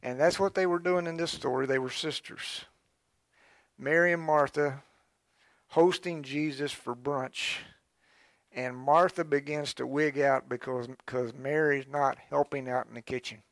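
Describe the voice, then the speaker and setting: A man's voice: a little high, vocal fry, no room sound, clean studio sound. A man preaching a sermon in a conversational, folksy way, calling for amens from the congregation. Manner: conversational preaching with folksy asides and call-and-response. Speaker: pastor.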